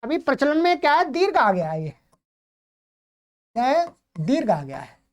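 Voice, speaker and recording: High-voiced woman teaching Sanskrit grammar. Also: big pitch swings. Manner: explanatory, checks in with listeners often; slows down to recite grammar rules. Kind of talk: online lecture.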